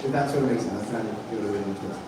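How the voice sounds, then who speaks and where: A man's voice: fairly low pitch, racing. A man, a documentary filmmaker, giving hesitant answers at a press Q&A and searching for his words. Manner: hesitant, searching for words, many fillers and restarts. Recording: echoey room, distant mic, noisy.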